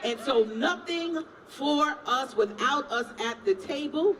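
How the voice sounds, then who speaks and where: A man's voice: extremely high pitch, animated, slow pace, sharp tone. A man, an elected assembly member, giving a fiery rally speech with call-and-response. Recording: distant mic with a noisy crowd.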